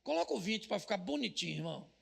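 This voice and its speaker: A man with a Brazilian Portuguese accent, a pastor giving a comedic sermon at a business event, joking loudly and mimicking people praying. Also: high-pitched, very animated, fast talker, creaky, breathy edge, big-room sound.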